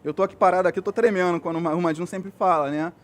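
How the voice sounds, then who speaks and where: A Brazilian man speaks to a group of young athletes in a motivational talk, earnest and insistent. His voice sits high for a man, and he keeps returning to the same points while checking that his listeners follow him. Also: fairly even intonation, rapid-fire. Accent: Brazilian Portuguese. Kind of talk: motivational speech.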